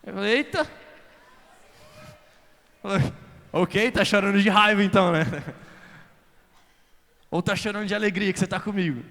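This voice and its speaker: Youth pastor, Brazilian accent, preaching live in a big hall with a long echo, shifts from soft stories to shouted calls. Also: male voice, high-pitched, steady tone, fairly quick, pauses often. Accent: Brazilian Portuguese. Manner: builds from quiet storytelling to shouted appeals; mixes English phrases into his preaching. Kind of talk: conference sermon. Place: large conference hall. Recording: reverberant hall.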